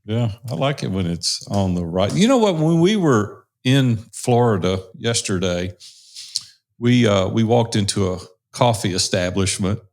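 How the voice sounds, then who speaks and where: A man's voice: fairly low pitch, lively intonation, measured pace, darkish tone. A man co-hosting a podcast from a studio, telling chatty stories and laughing often. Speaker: podcast co-host. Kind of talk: casual podcast chat.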